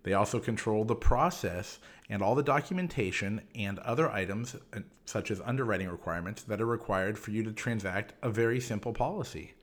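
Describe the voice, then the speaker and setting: A man hosting a solo explanatory podcast, talking in a measured, instructive way. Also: fairly low pitch. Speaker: podcast host.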